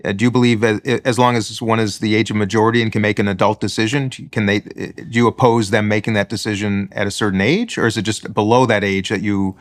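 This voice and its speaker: A man, a guest in an interview, asking careful, halting questions to clarify what was said. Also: lowish voice, fairly even intonation, no echo, studio quality. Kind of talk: interview conversation.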